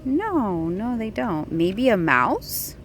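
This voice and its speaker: Reading a children's picture book to a little one, a woman keeps a slow, patient pace and lets her pitch range widely to bring the story alive. She pauses to ask the child questions, and faint noise can be heard behind her.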